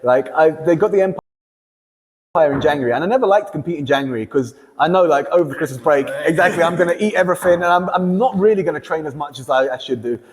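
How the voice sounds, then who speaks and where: A man's voice: fairly high pitch, fast. Chatty man in a reverberant room. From England. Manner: lively storytelling, laughs often, many restarts. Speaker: grappling competitor, guest. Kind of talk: casual podcast chat.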